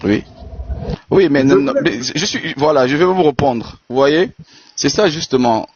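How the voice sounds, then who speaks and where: A man from Benin speaking in an online debate, halting with many repeated words and fillers. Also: on the high side, lively intonation, slight background noise. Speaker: debate participant. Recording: dull lo-fi audio.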